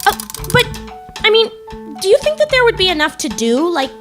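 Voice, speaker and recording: A woman's voice: extremely high pitch, huge pitch swings, a little fast, over music, exaggerated voice. A woman voicing a timid, newly turned female monster with a wondering, politely hesitant manner, who also narrates the audio drama. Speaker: narrator and lead character.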